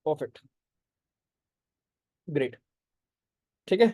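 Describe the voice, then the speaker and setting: A male geography teacher giving an online exam-prep lecture, explaining slowly with many English terms, often checking whether students follow and scolding them for going off topic. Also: a little high, lively intonation, mellow. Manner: mixes English terms into speech, keeps asking if it is clear. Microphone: no earphones, talking to an online class.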